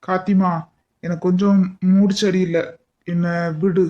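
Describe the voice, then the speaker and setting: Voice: mid-range voice, little pitch movement, measured pace, muffled recording, close to an everyday voice. A performer voicing Sanjay, a moody, short-tempered but caring young husband in a cartoon, speaking in a curt, irritable way. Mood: irritated. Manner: curt and irritable, softening to comforting. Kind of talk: cartoon voice acting.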